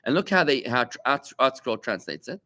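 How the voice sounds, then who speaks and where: Animated male rabbi teaching Talmud. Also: medium pitch, a little fast. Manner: animated, asks rhetorical questions, repeats key lines for emphasis. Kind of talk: lively classroom teaching. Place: study room with students.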